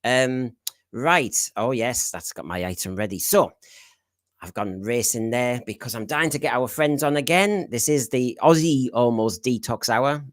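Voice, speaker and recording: Unhurried and lively in intonation, this British podcast host's mid-range voice carries a chatty, jokey live fan stream. He rambles through asides and housekeeping, recorded with dry, close sound.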